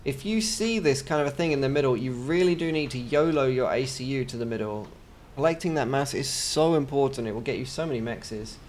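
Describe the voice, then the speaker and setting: A man's voice: medium pitch, brisk, hardly any pauses, a little mellow, a little hiss or hum. An English man casting a strategy video game in a chatty way, with joking asides between the play-by-play. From England. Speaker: game caster.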